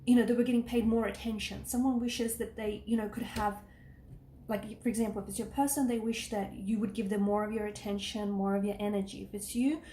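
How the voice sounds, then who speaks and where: A woman reads tarot in an earnest, reassuring way, padding her speech with "you know" and "okay". Her voice sits fairly high, with a mellow tone that sounds a bit worn from overuse. The room has an audible echo. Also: a little hiss or hum. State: losing her voice. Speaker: tarot reader. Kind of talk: casual tarot reading to camera.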